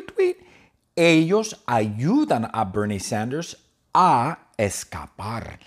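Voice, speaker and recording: A man telling a silly story in slow, simple, repetitive phrases, with sound effects and exclamations. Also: a little high, husky. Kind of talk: comic storytelling for learners.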